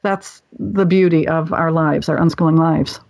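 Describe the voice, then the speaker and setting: A woman's voice: low voice, fairly even intonation, normal speed, gravelly. A woman co-hosting a podcast, chatting casually and then reading a listener's letter aloud with feeling. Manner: warm, emotional reader who tears up. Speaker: podcast co-host.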